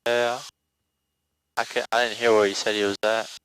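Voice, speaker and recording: A man training as a student pilot, talking over a cockpit headset intercom in quick, clipped lines and checking things with his instructor. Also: on the low side, level tone, a bit bright, slight background noise, poor audio. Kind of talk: flight lesson chat and radio readbacks.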